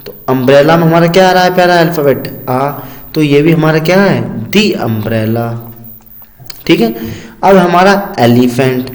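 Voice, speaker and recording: A man teaching English pronunciation in Hindi, who asks questions and answers them himself, calls the listener "beta" fondly, and stretches example words out slowly and low. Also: a little mellow. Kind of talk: classroom-style lesson. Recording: echoey room with long reverb.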